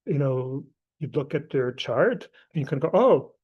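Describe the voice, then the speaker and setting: A man's voice: mid-range voice, animated, moderate pace, husky, muffled recording. A middle-aged man from Portugal with a Portuguese accent gives a live class lecture in a casual, conversational way, with many fillers and asides.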